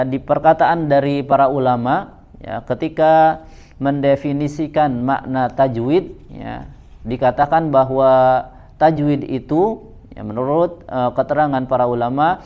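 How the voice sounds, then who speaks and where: A man gives a religious lesson on Quran recitation in a measured, steady voice of middle pitch. He links his phrases with a soft repeated "ya". The sound is dull and lo-fi. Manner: measured, fills nearly every phrase with a soft "ya".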